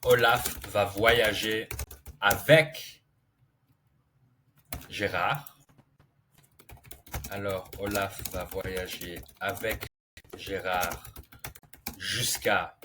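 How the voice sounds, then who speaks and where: A man tutoring beginners, telling a silly story slowly, repeating key words and checking that learners follow. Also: on the low side, steady tone, noisy background. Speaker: language tutor. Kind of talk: slow storytelling lesson for beginners.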